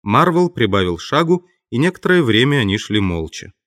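A man narrating an audiobook in a measured, even storytelling manner. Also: medium pitch, no echo, clean studio sound. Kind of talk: scripted narration.

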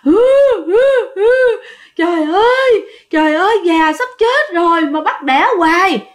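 High, wailing old mother sow , put on by a woman storyteller, sobbing and whining in a ghost tale. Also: lively intonation, measured pace. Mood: wailing lament.

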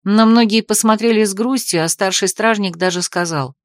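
A woman narrating a romantic fantasy audiobook in the first person, with a wry, expressive reading. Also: medium pitch, brisk, dry recording, clean studio sound.

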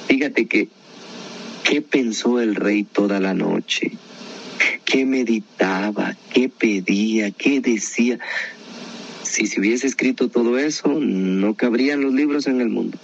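A man's voice: medium pitch, slow, vocal fry, lo-fi sound, a little hiss or hum. Man teaching a conversational Bible study. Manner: animated, asks many rhetorical questions.

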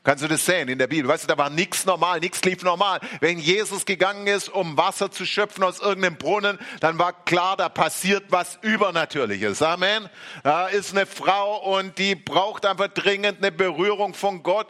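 A man's voice: high-pitched, moderate pace, bright, forceful tone. A man preaching a charismatic sermon, fervent and repetitive, with exclamations and speaking in tongues. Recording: faint music behind.

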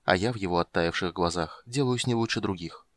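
A proud, sharp-tongued sorceress, as a man reads her out in an audiobook. Her voice sits low yet lifts with scorn, biting and haughty. The sound is dry and close. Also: brisk, no room sound. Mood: wistful. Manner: haughty, biting, then wistful. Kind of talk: audiobook character reading.

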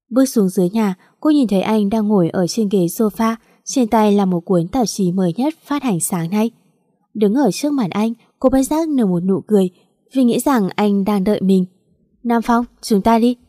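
A woman narrating a romance story as a scripted audiobook reading, in an even, unhurried manner. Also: mid-range voice, dry recording, clean studio sound.

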